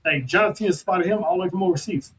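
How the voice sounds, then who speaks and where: A man co-hosts a relaxed podcast, chatting casually. His voice sits a bit high for a man and jumps around with animated energy, often doubling up his words. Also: fast, a little hiss or hum, poor audio. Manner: animated, repeats words, laughs. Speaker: podcast co-host. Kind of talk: casual chat. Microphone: remote call setup.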